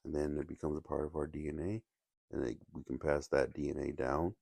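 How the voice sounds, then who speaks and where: Very deep gravelly man, dry close sound. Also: level tone, no echo. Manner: halting, many restarts and fillers, kept quiet. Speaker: video essayist. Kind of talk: casual solo commentary.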